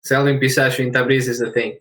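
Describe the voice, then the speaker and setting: A man from Portugal, a podcast guest, telling travel stories in a casual, animated way and laughing often. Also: medium pitch, quick pace. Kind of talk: casual storytelling conversation.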